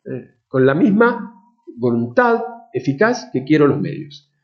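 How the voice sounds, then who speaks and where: A man's voice: mid-range voice, sing-song, unhurried. A male priest giving a conversational moral lecture to a congregation, restarting phrases and adding tag questions. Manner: conversational, many restarts and tag questions, emphatic on key words. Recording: dull lo-fi lecture recording.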